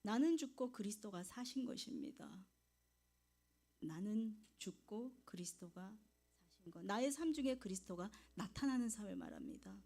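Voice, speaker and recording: A woman in her forties preaching a sermon in a church and telling a personal testimony, with pauses and hushed asides. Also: medium pitch, wildly swooping pitch, creaky. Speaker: evangelist preacher. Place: church sanctuary.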